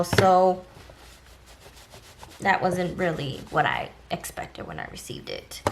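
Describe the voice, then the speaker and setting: A woman's voice: mid-range voice, background noise. A woman talking casually and directly to viewers as a beauty vlogger, giving an informal shopping haul review.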